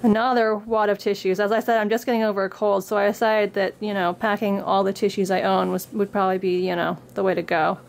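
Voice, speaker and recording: Fast and with few pauses, her medium-pitched voice shows vocal fry and little pitch movement, over slight background noise. The young craft vlogger, recovering from a cold, does a casual show-and-tell of her bag indoors against a plain backdrop, reading book excerpts with upbeat lift before chatting plainly.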